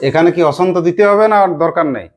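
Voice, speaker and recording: A man's voice: a little high, fast, heavy background noise. A male teacher runs a classroom lesson, calling pupils by name and praising each answer. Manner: encouraging, quizzing pupils by name.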